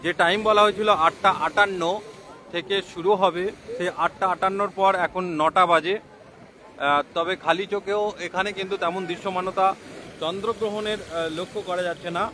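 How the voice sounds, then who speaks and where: A man reports live to online viewers. He explains in short phrases, repeating himself with pauses to think. He is outdoors on a phone, with clear wind and sea noise on the mic. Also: sits high, steady tone, pushed and bright. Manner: repetitive explanatory delivery with hesitant pauses. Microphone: mobile phone. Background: roaring waves and wind.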